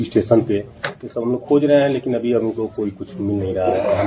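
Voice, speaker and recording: A man's voice: lowish voice, poor audio. A man, a village head, answering a reporter earnestly and at length, often restarting his sentences. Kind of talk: interview answers. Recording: crowd noise behind.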